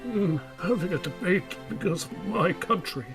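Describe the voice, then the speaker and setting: A man voicing a frail, gentle old male ambassador who talks in a feeble, apologetic way. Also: sits high, expressive, moderate pace, over music, pitched above the performer's own voice.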